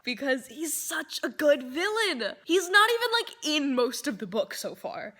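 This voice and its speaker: A woman's voice: a little high, a bit bright. A woman chatting casually to camera about her reading, effusive and rambling, with a lot of "like" in her speech. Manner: effusive, rambling, uses "like" often. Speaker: book vlogger.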